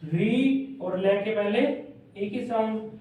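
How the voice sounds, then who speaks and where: A male shorthand teacher giving a classroom lesson, saying each word slowly twice and stopping to ask his students questions. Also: high voice, warm tone, a little hiss or hum. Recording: distant, echoey, dull lo-fi room sound.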